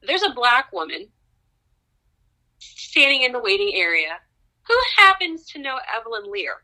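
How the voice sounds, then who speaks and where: In a conversational interview, a young female opera singer tells stories in a bright, sharp-edged voice at a moderate pace. She's animated and laughs often, her pitch jumping upward whenever the story gets exciting. The audio quality is poor.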